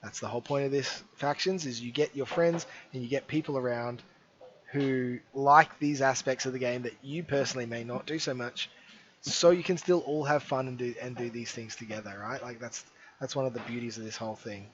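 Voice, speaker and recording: A man commentating a live game match as caster, slightly hoarse, chatty, with apologetic asides. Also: medium pitch, steady tone, brisk, muffled recording. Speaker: esports caster.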